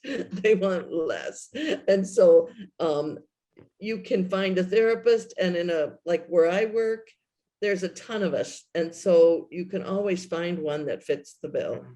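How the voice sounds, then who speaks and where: A woman guest therapist joins a conversational panel chat over a remote video call, speaking candidly and emphatically. Her voice is on the low side, slow and dark in tone.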